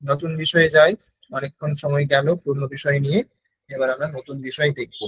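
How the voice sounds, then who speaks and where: A man with a Bengali accent teaching a Sanskrit class over a video call, patiently repeating words slowly so his students can copy them. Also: a little high, level tone, fairly bright tone, no echo, poor audio.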